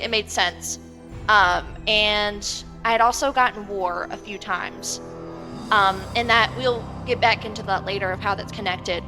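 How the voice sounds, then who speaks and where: A woman co-hosting a podcast, telling a ghost-hunting story in a chatty, animated way with many fillers. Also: medium pitch, big-room sound, rough recording. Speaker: podcast co-host. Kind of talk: casual chat.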